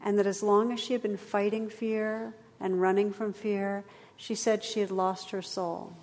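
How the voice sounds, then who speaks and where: A woman meditation teacher speaking gently and soothingly, unhurried, as she guides and reflects with a class. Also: medium pitch, little pitch movement. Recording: reverberant hall.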